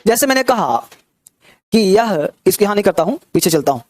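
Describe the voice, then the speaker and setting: A man's voice: high voice, very animated, moderate pace, no echo. A young man teaching a grammar class, drilling pronunciation and checking in with his students. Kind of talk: classroom lecture.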